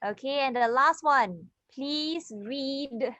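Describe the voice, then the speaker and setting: A woman's voice: sits high, takes it slowly, sharp tone, dry recording, poor audio. A woman with a Singaporean English accent teaching an English reading class, explaining step by step and checking in with her students. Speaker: English tutor. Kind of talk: online class lesson.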